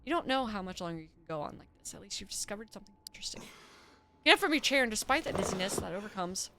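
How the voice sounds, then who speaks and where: The young woman streamer narrates a game in dramatic second person at a very fast clip, her medium pitch swinging widely. She tosses chatty remarks to her chat in between, over faint music and background noise.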